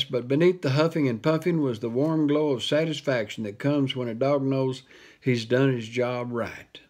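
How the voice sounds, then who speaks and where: Older man reading a children's story. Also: mid-range voice. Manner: expressive, playful, with small self-corrections. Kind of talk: reading a children's chapter book aloud.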